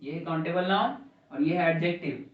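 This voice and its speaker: A man's voice: a little high, brisk. A man teaching a classroom grammar lesson, asking the class questions and repeating their answers. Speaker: English teacher. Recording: echoey classroom from far off, dull.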